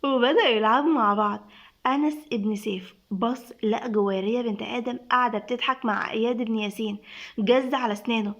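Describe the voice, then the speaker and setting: A woman's voice: a little high, fast talker, muffled recording. A woman with an Egyptian accent narrating a story and chatting to her viewers. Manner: lively, chatty sign-off to viewers.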